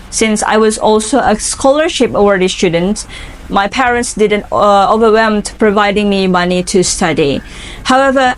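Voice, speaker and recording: A woman in her twenties with an Indonesian accent answers interview questions for an English speaking assignment. She sounds earnest and careful, pausing with fillers, and her pitch is medium.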